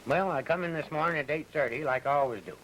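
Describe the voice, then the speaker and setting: An actor playing a blunt, suspicious, fussy store bookkeeper in a 1950s drama, grumbling in folksy, ungrammatical talk. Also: male voice, fairly high pitch, fast, fairly bright tone, slight background noise, close to an everyday voice, poor audio. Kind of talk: 1950s TV drama character acting.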